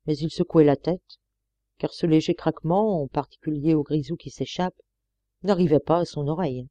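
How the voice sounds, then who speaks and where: A woman reading a classic novel aloud as an audiobook, in steady, measured storytelling. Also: low voice, no echo, muffled recording. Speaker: audiobook reader. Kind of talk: scripted audiobook narration.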